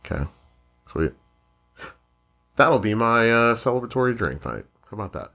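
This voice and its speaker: A man's voice: mid-range voice, moderate pace, creaky. A young man co-hosting a podcast, chatting casually and joking, with lots of fillers. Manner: joking, filler-heavy, lively. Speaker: podcast co-host. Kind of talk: casual chat.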